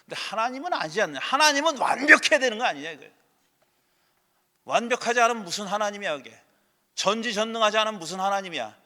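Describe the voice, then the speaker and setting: Bright, high-voiced preaching man. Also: expressive, quick pace, in a large hall. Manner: conversational preaching with rhetorical questions and sharp dismissive asides. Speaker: pastor. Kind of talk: sermon. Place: church sanctuary.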